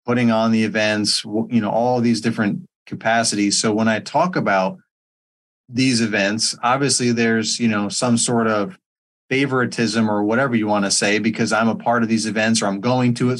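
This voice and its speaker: A man in casual podcast discussion, speaking haltingly and often correcting himself. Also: lowish voice. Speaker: event organiser and content creator.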